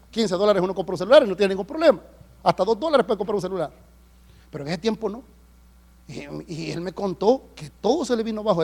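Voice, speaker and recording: Animated pastor, fairly high voice. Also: male voice. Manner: animated storytelling, swinging between hushed and loud. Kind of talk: sermon. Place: church service.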